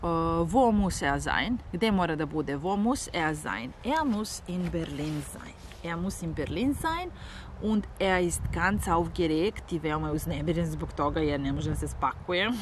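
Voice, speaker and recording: A woman's voice: deep voice, expressive, low-quality recording. Woman teaching German over street noise. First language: Serbian. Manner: repeats each phrase slowly, then translates. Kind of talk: bilingual language lesson.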